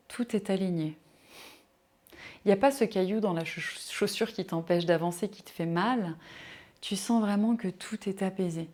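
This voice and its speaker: A woman's voice: mid-range voice, dark tone. A woman giving a casual spoken talk on personal growth as a coach, addressing the listener directly with many fillers.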